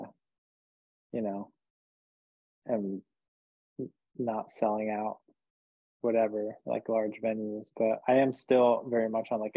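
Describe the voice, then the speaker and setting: A man's voice: lowish voice, creaky, no room sound, phone-quality sound. A man from New Jersey, a musician guest, chatting casually in a rambling, joking way with lots of fillers. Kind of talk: casual interview chat.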